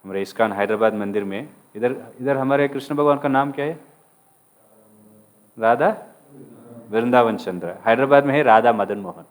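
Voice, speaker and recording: A man preaching in a relaxed storytelling way at a middle pitch, voicing the figures' quoted lines as he goes. He drops English words into his talk. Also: moderate pace, pauses often. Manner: mixes English words into Hindi. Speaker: preacher telling a devotional story. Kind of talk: storytelling sermon.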